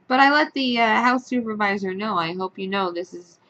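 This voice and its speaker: A woman's voice: mid-range voice, moderate pace, pushed and bright, muffled recording. A young adult woman telling a story in a casual vlog, blunt and profane with a sarcastic edge. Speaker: vlogger.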